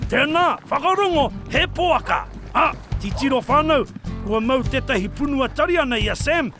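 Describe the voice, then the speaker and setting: A man's voice: very high voice, expressive, moderate pace. A man delivering spirited documentary narration. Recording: music under the voice.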